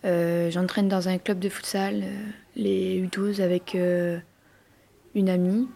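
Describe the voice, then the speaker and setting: A woman's voice: on the low side, flat delivery, slow, vocal fry, dark tone. A twenty-year-old woman speaking hesitantly. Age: 20s. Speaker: youth futsal coach.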